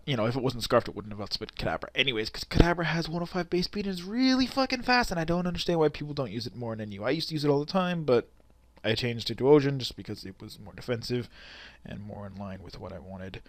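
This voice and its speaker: A man's voice: mid-range voice, a bit bright, no echo. A young man giving casual, rambling commentary on a game replay, frustrated and swearing often, into a close desk mic. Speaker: gaming commentator.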